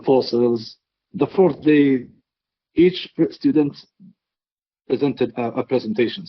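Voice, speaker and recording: A man giving a webinar talk over a video call, halting, with many fillers and restarts. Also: mid-range voice, breathy edge. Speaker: webinar speaker. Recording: dull lo-fi video call audio.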